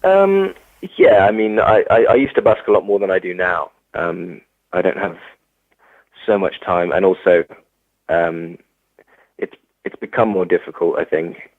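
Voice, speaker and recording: During a casual interview, a young English musician guest speaks expressively but hesitantly, with many fillers and restarts. His low voice moves at a measured pace with long pauses. The recording is dry and tinny, like a phone line.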